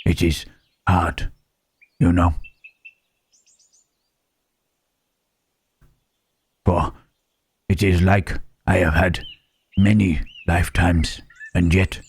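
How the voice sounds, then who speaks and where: A man voicing a gentle, melancholy monster in an ASMR roleplay, speaking haltingly and pensively in formal phrases with questioning hums. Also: little pitch movement, heavily acted. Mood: wistful, longing. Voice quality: low, husky. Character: gentle, melancholy Frankenstein's monster, male, pondering his soul.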